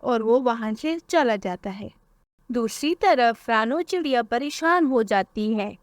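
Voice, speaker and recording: A woman narrating a children's cartoon story in a calm, even storytelling manner. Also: fairly high pitch, takes it slowly, dry recording.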